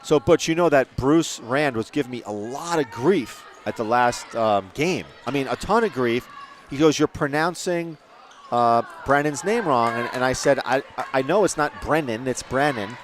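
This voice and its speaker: A man doing play-by-play for a local school basketball game from a press box, chatty and quick to correct himself. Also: mid-range voice, animated. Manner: chatty, rambling asides, self-corrections. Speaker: play-by-play commentator. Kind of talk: local sports commentary.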